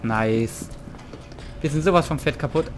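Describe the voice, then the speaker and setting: A man hosts a casual gameplay commentary. He talks in slang and reacts aloud, often repeating short phrases. Game music is clearly audible behind him. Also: medium pitch, unhurried. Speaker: gamer, Let's Play host. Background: game music and sound effects.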